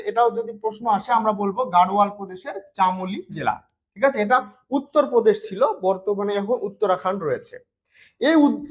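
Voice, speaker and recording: High-voiced man giving a lecture. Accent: Bengali. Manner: explanatory, frequent "thik ache?" check-ins and fillers. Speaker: teacher. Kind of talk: exam-prep lecture. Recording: dull lo-fi sound.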